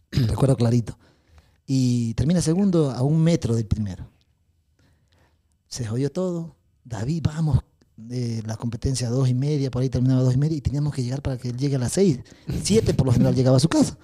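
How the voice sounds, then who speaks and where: Fast-talking Ecuadorian coach, dark voice. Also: male voice, mid-range voice. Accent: Ecuadorian Spanish. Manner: acts out dialogue, laughs often, quick and lively. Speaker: athletics coach. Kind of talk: animated storytelling in an interview.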